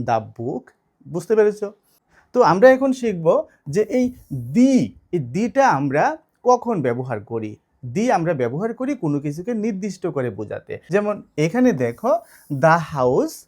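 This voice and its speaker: A man's voice: high-pitched, darkish tone. A man teaching an online grammar lesson, explaining step by step and asking his students questions.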